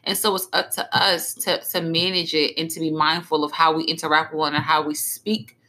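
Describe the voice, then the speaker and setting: Bright-voiced young woman podcast host, swearing freely. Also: deep voice, fairly quick. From Trenton, New Jersey. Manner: blunt, animated, swears freely. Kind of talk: casual chat.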